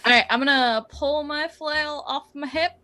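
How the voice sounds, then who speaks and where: A woman's voice: high-pitched, normal speed, pushed and bright. A woman playing a tabletop game, asking the dungeon master questions and thinking her moves aloud. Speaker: player. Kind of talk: casual tabletop play.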